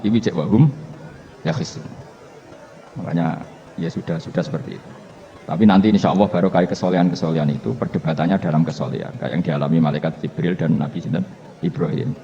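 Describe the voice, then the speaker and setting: A male Islamic cleric with a Javanese accent and a rather low voice, giving a relaxed, humorous religious lecture. He tells stories, chuckles often and slips local words into his talk. The recording is dull and lo-fi, with a faint hiss behind him. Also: fast talker.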